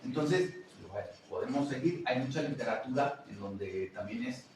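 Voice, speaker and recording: A man, a teacher, chatting casually and telling classroom stories in an animated way that acts out other voices. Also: medium pitch, normal speed, far from the mic. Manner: animated, acts out quoted voices and laughs often. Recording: roomy echo, away from the mic, faint noise.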